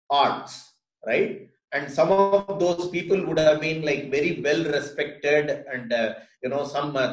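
A man with an Indian English accent, making his case in a casual debate, insistent but halting, often seeking agreement. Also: a little high. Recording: echoey room sound.

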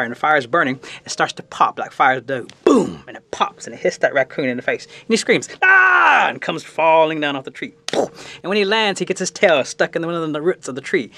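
A man telling a traditional story aloud, animated and voicing each character. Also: a little high. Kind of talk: oral storytelling.

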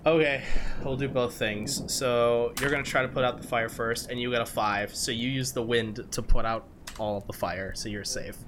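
A man narrating as game master of a tabletop game, loose and halting, with many fillers. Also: mid-range voice, steady tone, background noise.

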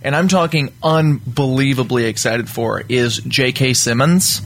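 A man hosting a casual podcast chat, excitable and teasing. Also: mid-range voice, unhurried, a little hiss or hum. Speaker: podcast host.

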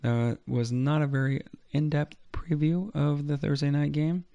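A man's voice: a little high, steady tone, a little slow, gravelly, muffled recording, heavy background noise. A man hosting a fantasy football podcast solo, with casual, slangy sports commentary. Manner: informal, slangy.

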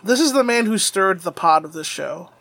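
A young man co-hosts a podcast in loose, animated chat, quick to laugh and to swear. His voice sits high and bright. The sound is dry and close. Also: gravelly, no room sound. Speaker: podcast co-host. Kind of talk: casual anime recap chat.

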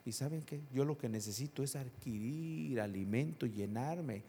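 A man's voice: mid-range voice, normal speed, slight background noise. Man preaching in a reverberant church. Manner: rhetorical questions to the congregation, swings loud and soft. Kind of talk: sermon. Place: church hall. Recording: long hall reverb.

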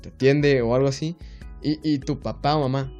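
Young Guatemalan man, animated profane stories. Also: mid-range voice, moderate pace, muffled recording, soft background music. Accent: Guatemalan Spanish. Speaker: podcast co-host. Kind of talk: casual chat.

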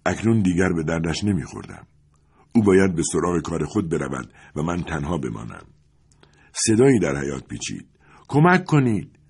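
A man reading a novel aloud as a narrator, in measured, expressive storytelling. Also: low voice, creaky, breathy edge.

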